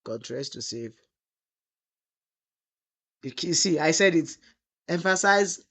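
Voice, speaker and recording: Here a man teaches web development via screen recording, his voice fairly high, expressive, fairly bright, and slow. His habit is to ask the class "what?" rhetorically and then answer himself, and he drawls the example text while typing.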